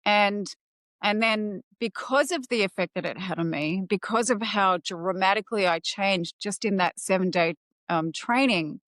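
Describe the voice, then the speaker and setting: A woman's voice: mid-range voice, normal speed, a bit bright, dry recording. A woman, a podcast guest telling a personal story in an informal, candid way.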